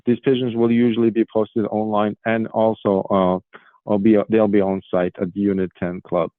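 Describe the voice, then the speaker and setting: A man in his forties from Morocco, giving earnest interview answers with frequent um pauses. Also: lowish voice, flat delivery, no echo. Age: 40s. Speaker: guest, pigeon racing federation official. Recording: tinny phone line, dry.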